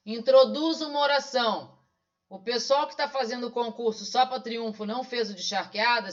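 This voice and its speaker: Very high-voiced Brazilian man teaching. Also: fairly bright tone. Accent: Brazilian Portuguese. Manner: didactic, asks and answers his own questions. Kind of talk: online exam-solving lesson. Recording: dull lo-fi sound.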